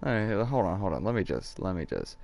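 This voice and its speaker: Hoarse young male streamer, slightly low voice, excitable and swearing a lot. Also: a little fast. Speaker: game streamer. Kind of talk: casual live gameplay commentary.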